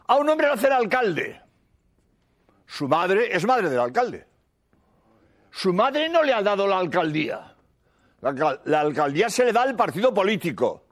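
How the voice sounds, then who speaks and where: A man preaching a sermon, emphatic and repeating key phrases, explaining doctrine with everyday examples. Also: sits high. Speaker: priest.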